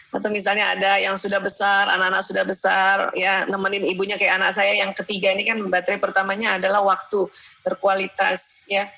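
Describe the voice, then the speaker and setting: Bright-voiced woman giving a parenting talk. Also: mid-range voice, low-quality recording. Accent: Indonesian. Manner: chatty, acts out mothers' voices, frequent "ya" checks. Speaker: Islamic parenting lecturer. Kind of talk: religious parenting lecture.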